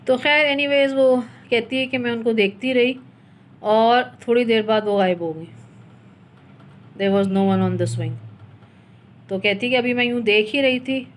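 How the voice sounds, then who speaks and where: A young woman from Pakistan hosting a storytelling podcast, chatting casually through paranormal stories and slipping English phrases into her telling. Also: medium pitch.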